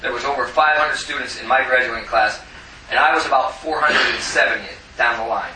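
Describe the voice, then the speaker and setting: A recovery meeting speaker in his forties from Tucson, Arizona, USA, tells his personal recovery story in a rambling, self-mocking way, often chuckling. His mid-range voice is brisk, pushed and bright, recorded on a distant mic in a roomy space with faint hiss.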